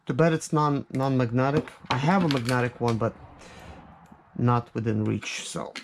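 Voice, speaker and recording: A man hosting a vlog reviews a product as he unboxes it in an office, his commentary casual, hands-on, and hesitant, as if thinking aloud. His voice is medium in pitch and steady, at a normal speed. The recording is clear, though background noise and clicks can be heard.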